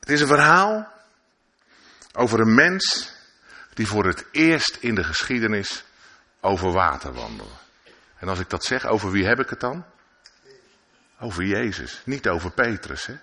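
A man's voice: on the low side, sing-song, a little slow, long pauses, sharp tone. A man preaching a sermon at a church service, reading scripture and adding conversational asides and questions to his listeners.

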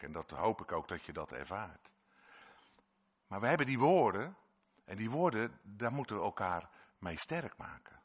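A man's voice: fairly low pitch, fairly bright tone. A man preaching a sermon in Dutch-language church talk, earnest and repetitive, sometimes acting out short quoted voices.

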